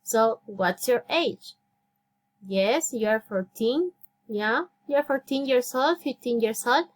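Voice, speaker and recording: A woman's voice: on the high side, expressive, slow. A woman in her thirties with an Ecuadorian Spanish accent, teaching a beginner English lesson. She talks patiently, repeats phrases and praises often. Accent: Spanish-speaking Ecuador. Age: 30s. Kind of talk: slow, clear classroom instruction.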